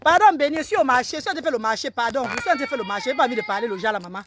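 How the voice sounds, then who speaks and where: A woman, selling products on a casual live stream in loud sing-song sales calls with chatty asides to commenters. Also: high-pitched, animated, racing. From Cameroon. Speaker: online seller on a live stream.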